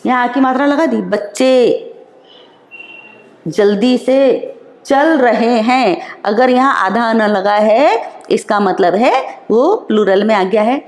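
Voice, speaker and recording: A woman teacher, explaining slowly and repeating each example in an online class lesson. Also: a little high, animated. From India. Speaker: school teacher. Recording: roomy echo.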